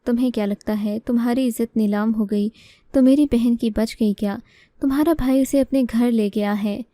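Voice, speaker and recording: A woman voicing a young man who has kidnapped a girl, speaking in a flat, measured way and chewing each word. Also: fairly high pitch, no echo, close to an everyday voice. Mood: cold menace. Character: angry young man, the kidnapper, cold and threatening.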